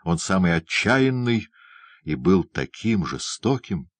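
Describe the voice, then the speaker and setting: A young fallen woman, torn and imploring, speaks with passion in a storybook reading, voiced by a man. The voice sits very low and deep, close and dry with no room around it. She begs and insists with heavy feeling. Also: sing-song, takes it slowly, husky, dry recording, full character voice. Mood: pleading. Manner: emotional, imploring. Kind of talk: audiobook character reading.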